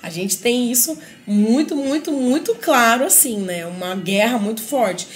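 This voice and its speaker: A woman's voice: fairly high pitch, lively intonation, unhurried. Earnest woman sharing her life story. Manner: earnest, reflective, often checks in with listeners. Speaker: speaker giving a personal testimony. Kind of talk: personal life-story testimony. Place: group meeting.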